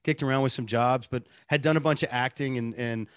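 Man, from Boston, radio sidekick, casual interview chat, earnest storyteller, middle pitch. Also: fairly even intonation, brisk, clear, resonant tone, no echo, studio quality. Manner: earnest, chatty storytelling with self-deprecating asides. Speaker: radio producer and sidekick guest.

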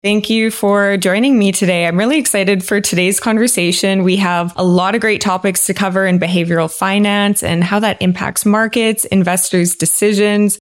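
A woman's voice: medium pitch, steady tone, normal speed, hardly any pauses, dry recording, studio quality. A woman hosting a podcast, reading the episode intro and asking friendly, upbeat questions. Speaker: podcast host.

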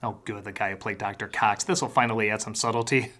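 A man's voice: on the low side, fairly even intonation, fast talker, noisy background. A man giving a sarcastic comedic film review, jumping into exaggerated mock voices.

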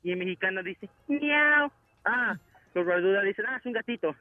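Halting male joke teller on radio. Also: sits high, no echo, phone-quality sound. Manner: slow, halting joke telling.

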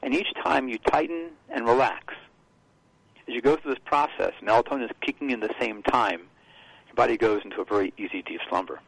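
A man talking as a health guest on a radio show, explaining in a halting way with restarts. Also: medium pitch, gravelly, a bit bright, slightly rough, dry recording, rough recording.

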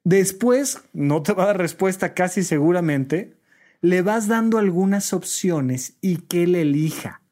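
A man with a Mexican accent, a doctor giving advice in an expressive, conversational way. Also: high voice, measured pace. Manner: conversational and expressive, acts out talking to children. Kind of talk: casual advice talk.

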